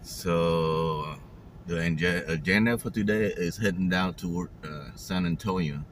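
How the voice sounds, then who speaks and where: A man in his sixties, an Air Force veteran, casually narrating a road trip from behind the wheel with halting filler pauses. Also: low voice, slight background noise. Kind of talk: casual travel vlog narration. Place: inside a car, driving. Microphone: camera mounted on the dashboard.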